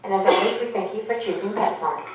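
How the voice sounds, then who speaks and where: A woman's store loudspeaker announcement, heard from far off and ringing through a large indoor shop. She reads a formal scripted message in an even, polite announcer tone, pitched in a middle register. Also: fast. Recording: echoey distant store loudspeaker.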